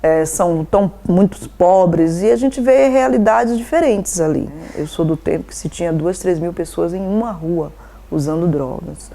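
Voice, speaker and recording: A woman from Bahia, Brazil, the president of an NGO, answers interview questions devoutly and earnestly, often tacking on "né?". Her voice is on the low side, creaky and mellow, at a moderate pace.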